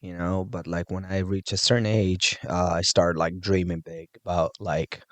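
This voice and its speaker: Deep-voiced man from Morocco, chatty. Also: moderate pace, no room sound. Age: 30s. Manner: animated, laughing, fills with "like" and "you know". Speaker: judo instructor, podcast guest. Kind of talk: casual storytelling chat.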